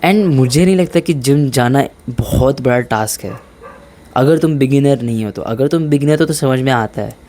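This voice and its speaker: A man's voice: mid-range voice, normal speed, darkish tone. A young man giving casual, blunt advice on gym and studies, slipping English into his talk and calling his listeners brother. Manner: informal, mixes English in, says "bhai" a lot. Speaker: fitness vlogger.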